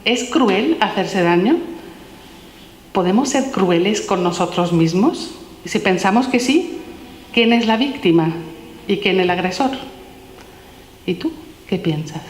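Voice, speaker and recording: A woman's voice: medium pitch, unhurried, long pauses. A woman reads out a run of simple, probing questions meant for children. Her mid-range voice carries through a large, echoing hall with a long reverb tail. A faint background hum sits under the voice. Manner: asks a steady stream of gentle questions. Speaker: author presenting her book. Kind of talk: reading aloud questions from a children's philosophy book. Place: large echoey room at a public talk.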